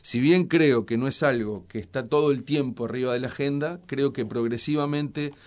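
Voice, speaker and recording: A middle-aged man with a Uruguayan accent, answering interview questions as a scientist in a measured, explanatory way with frequent hesitations. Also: medium pitch, a little mellow. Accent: Uruguayan Spanish. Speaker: scientist guest.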